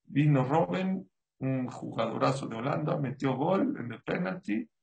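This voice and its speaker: A man preaching a sermon, his voice sitting at an ordinary middle pitch. He teaches in an animated way, slipping into the voices of the people he quotes. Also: measured pace, vocal fry, poor audio. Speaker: rabbi.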